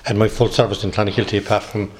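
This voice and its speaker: Older man, low west of Ireland accent. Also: flat delivery, slight background noise. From Galway, west of Ireland. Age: 60s. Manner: halting, hesitant delivery with repeated words. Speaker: interviewee, retired police officer. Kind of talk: recollection in an interview.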